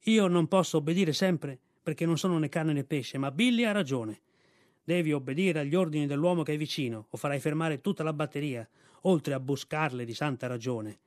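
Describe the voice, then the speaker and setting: A man voicing a humble, wise elephant in an audiobook, calm and agreeable. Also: fairly high pitch, a little fast, no echo, studio quality, close to an everyday voice. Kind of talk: audiobook reading.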